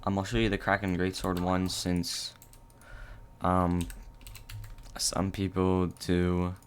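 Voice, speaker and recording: A young man narrating a casual gameplay tutorial, halting and low-key with many fillers. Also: gravelly, noisy background. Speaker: gaming channel host.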